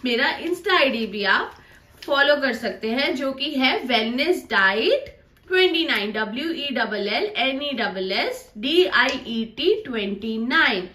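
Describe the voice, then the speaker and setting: A bright, lively young woman talks viewers through a home recipe step by step, friendly and chatty. Her fairly high voice rings in an echoey kitchen. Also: slow. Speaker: cooking channel host. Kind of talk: home cooking tutorial.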